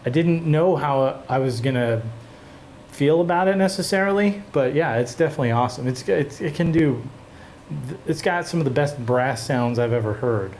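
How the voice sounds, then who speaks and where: A man hosting a casual chat about synthesizers, relaxed and rambling with fillers and restarts. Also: medium pitch, moderate pace, slight background noise. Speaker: host of a synthesizer show.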